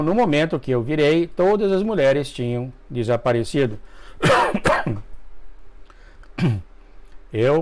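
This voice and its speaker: A man reading a dream testimony aloud to viewers, emotional, with asides, often coughing and clearing his throat. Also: mid-range voice. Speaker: religious video narrator.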